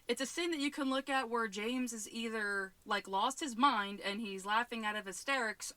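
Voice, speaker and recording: A woman's voice: mid-range voice, bright, forceful tone, no room sound. A woman hosting a podcast, chatting casually about a movie, enthusiastic and often laughing. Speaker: podcast host. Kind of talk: casual movie review monologue.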